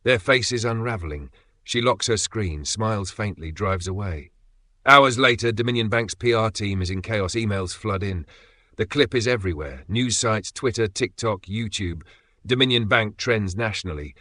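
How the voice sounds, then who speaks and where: A man narrating a dramatic story in a steady, measured way with pauses for effect. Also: lowish voice, no room sound.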